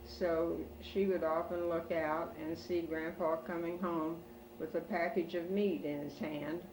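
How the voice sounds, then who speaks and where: Elderly woman, Midwestern American accent, halting reminiscing, low pitch, roomy distant recording. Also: steady tone, darkish tone. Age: older. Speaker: oral history interviewee. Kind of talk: reminiscing about family history. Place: in a room at home. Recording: roomy, distant home recording with background noise.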